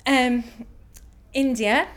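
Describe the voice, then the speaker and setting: A high-pitched woman speaks extremely slowly. She's in her thirties, from Liverpool, England, with a Liverpool accent, and answers interview questions in a casual, hesitant manner, using many filler ums.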